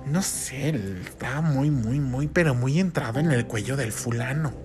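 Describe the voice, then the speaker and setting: A woman telling a comic horror story, dramatic and crude-humored, dropping to hushed whispers and rising to shrieks. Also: extremely low pitch, moderate pace, music in the background.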